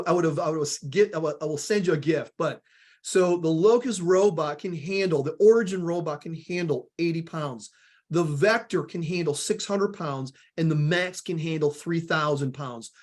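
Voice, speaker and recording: A man with a Southern US accent presents a product webinar with lots of energy, repeating words as he goes and often addressing the audience as guys. His voice is fairly high and he speaks at a moderate pace.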